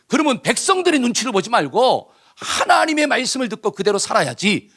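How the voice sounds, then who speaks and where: A man's voice: extremely high pitch, big pitch swings, a little fast, fairly bright tone, breathy edge, pitched above the performer's own voice, full character voice. A man voicing a stern male prophet who rebukes a king with indignant, reproachful questions. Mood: rebuking.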